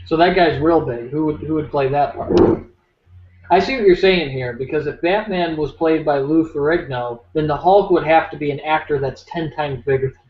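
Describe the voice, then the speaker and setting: A man's voice: on the high side, moderate pace. A man co-hosting a casual podcast, joking and swearing as he rambles. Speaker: podcast co-host. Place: home room, dogs nearby. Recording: roomy, dull lo-fi podcast audio with faint noise.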